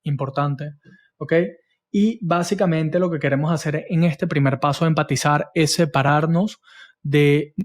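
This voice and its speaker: Guy coaching insurance agents, keeps saying ok?, bit higher voice. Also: steady tone, unhurried. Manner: explanatory, checks in with "¿ok?". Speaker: sales trainer. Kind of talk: instructional talk with acted call examples.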